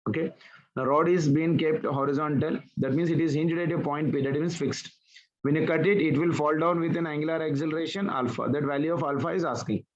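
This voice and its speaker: A man's voice: on the high side, fairly even intonation, fairly quick, muffled recording. A man teaching physics in an online class, working through problems step by step and asking students for answers. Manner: talks students through steps, asks questions back. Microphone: online class call.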